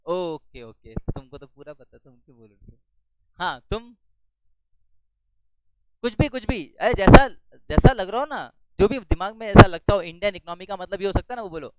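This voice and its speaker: A male teacher giving a classroom lecture. He talks loudly, asks the class questions and then answers them himself. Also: high voice, animated, normal speed, no room sound, low-quality recording.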